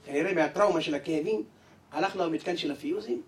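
A stand-up comedian with a high voice tells a long comic story. He talks in an animated way and jumps into character voices. He sounds somewhat distant from the mic.

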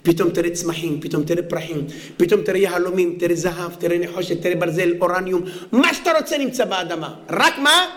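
Animated, high-voiced preacher. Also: male voice. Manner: animated storytelling, often laughing. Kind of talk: humorous sermon with a told joke.

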